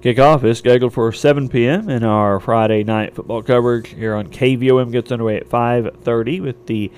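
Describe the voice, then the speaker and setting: A man's voice: medium pitch, fairly even intonation, fairly quick, a little mellow, a little hiss or hum. A man reading a scripted local radio sports and weather newscast as a station announcer. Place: radio studio.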